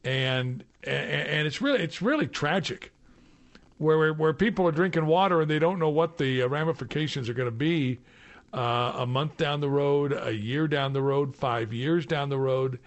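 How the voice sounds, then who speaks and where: A man hosting talk radio with chatty live news commentary, often halting and repeating words. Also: fairly high pitch.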